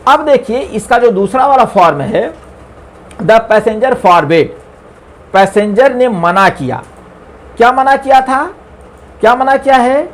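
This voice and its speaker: Guy teaching english grammar, kinda high voice, slow, spells out examples word by word. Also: lively intonation. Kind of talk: explaining a grammar lesson on screen.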